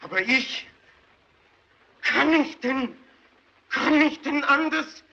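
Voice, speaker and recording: A man's voice: very high-pitched, animated, slow, vocal fry, pushed and bright, exaggerated voice. An actor playing a desperate, tormented male killer who pleads that he cannot help himself, in an early sound film with dull audio. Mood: pleading. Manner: desperate, broken, rising to frantic screams. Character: hunted, tormented male child killer pleading before a mob. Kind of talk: 1930s film drama acting.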